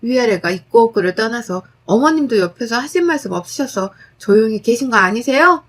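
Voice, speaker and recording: A woman with a high voice narrates a dramatic first-person story. Her delivery is blunt and firm, sharp-tongued when she argues. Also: expressive, fairly quick.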